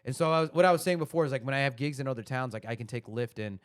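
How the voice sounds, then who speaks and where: A man in his thirties hosts a relaxed podcast conversation. His voice is smooth and resonant at an ordinary pitch. He rambles, circling his point with constant fillers. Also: very fast. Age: 30s. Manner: rambling, heavy use of "like" and "you know". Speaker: podcast host. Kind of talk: casual podcast chat.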